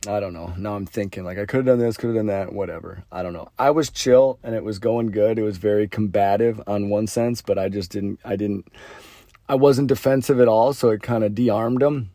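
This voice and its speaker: A man hosting his own podcast, talking through his thoughts in a rambling, earnest way, with many fillers and sentences that trail off quietly. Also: fairly low pitch, fairly quick, no room sound, studio quality. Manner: earnest, thinks aloud about faith. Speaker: podcast host. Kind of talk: reflective solo monologue.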